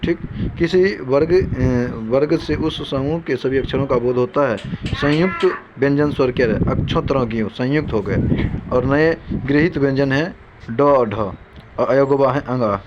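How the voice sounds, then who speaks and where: A male teacher giving a grammar lesson. He recites letters slowly and turns key points into questions that he answers himself. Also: mid-range voice. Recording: dull lo-fi recording with steady hiss.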